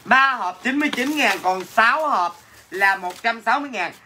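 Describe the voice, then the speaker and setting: A man's voice: extremely high pitch, lively intonation, moderate pace, sharp tone, a little hiss or hum. Brash Southern Vietnamese man doing comic livestream sales banter, clattering dishes behind him. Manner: brash, teasing, answers viewer comments mockingly. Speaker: livestream seller.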